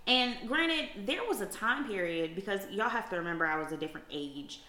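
A woman with a bright, forceful voice tells her story with lots of animation, turning to speak directly to her listeners. She sounds like she is in an echoey room, the sound bouncing around her. The tone is a candid couple chat. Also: mid-range voice, animated, a little fast. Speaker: co-host.

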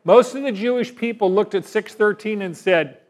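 A man with a high voice, a pastor, gives an emphatic sermon at a moderate pace. Again and again he puts rhetorical questions to the congregation.

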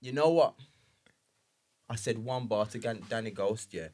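A man's voice: lowish voice, a little slow, a little mellow. A man with a London roadman accent chatting casually in street slang, emphatic and insistently repeating his phrases. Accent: London roadman, multicultural London street English. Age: adult, married with children. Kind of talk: casual chat, slang-heavy.

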